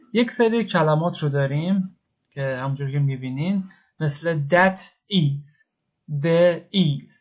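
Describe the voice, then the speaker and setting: A man teaching English grammar step by step, patiently repeating each example and translating it. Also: fairly high pitch.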